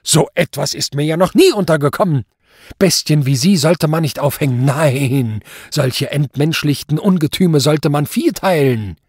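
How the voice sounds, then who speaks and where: A man doing a raging, mocking judge; high, loud, lively, husky storybook voice. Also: moderate pace, no room sound, clean studio sound. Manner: mocking, shouting, furious. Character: cruel, sneering, bellowing male Nazi judge.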